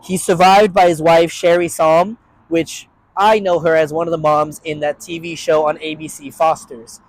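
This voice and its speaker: A man giving a somber, halting spoken tribute within a TV episode review. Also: fairly high pitch, level tone, low-quality recording.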